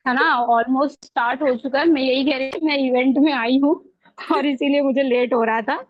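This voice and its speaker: A woman's voice: high voice, fairly even intonation, moderate pace, highs cut off. A woman from Lucknow, a sales trainee, chatting politely and mixing English into her speech. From Lucknow, India. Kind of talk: casual call chat.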